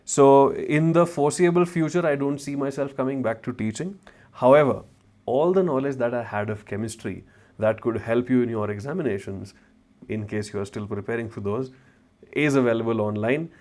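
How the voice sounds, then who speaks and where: Speaking into a wireless mic, a man with a north Indian accent fields viewers' questions on his livestream in an informal chat, mixing English with Hindi slang; he's a travel vlogger who used to teach chemistry. His voice is medium in pitch, a little mellow, at a moderate pace.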